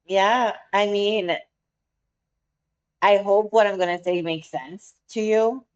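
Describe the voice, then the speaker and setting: A woman's voice: mid-range voice, steady tone, slow pace, lo-fi sound. A woman with a French accent, speaking English as a second language, co-hosting a podcast in casual chat, earnest and groping for words. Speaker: podcast co-host.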